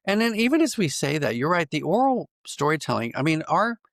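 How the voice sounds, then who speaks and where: Speaking as a podcast guest in a reflective interview, an American writer and audio drama producer from Pennsylvania explains his thinking, sometimes circling back over phrases as he works toward a point. His voice is on the high side, gravelly and a bit bright, a little fast, with big pitch swings. The clean studio sound has no echo.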